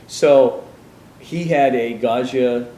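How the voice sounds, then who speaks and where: A man's voice: medium pitch, slow pace, dark tone, reverberant, a little hiss or hum, low-quality recording. A man telling his life story in an interview, rambling through asides and acting out the people he quotes. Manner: meandering, many restarts and asides, acts out quoted people.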